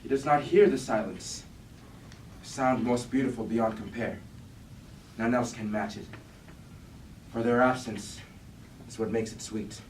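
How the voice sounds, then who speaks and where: Playing a grave robot warrior leader worn down by war and haunted by guilt, a man performs in solemn, declamatory Greek-tragedy fashion at a staged reading, with a sorrowful, brooding mood. His mid-range voice moves at a measured pace with long pauses and light acting, captured from afar in an echoey room with hiss.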